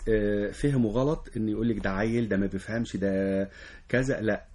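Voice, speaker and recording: A man's voice: lowish voice, brisk, a little mellow, husky. A man with an Egyptian Arabic accent, an education lecturer who is a talk show guest. He explains his views earnestly and in a lecturing way, often acting out example dialogues. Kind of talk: explanatory interview answers.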